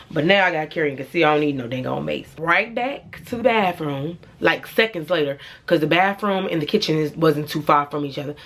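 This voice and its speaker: A woman's voice: fairly low pitch, a bit bright. A young woman vlogger telling a dramatic personal story to her viewers, blunt and profane, speaking straight to camera. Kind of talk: storytime vlog.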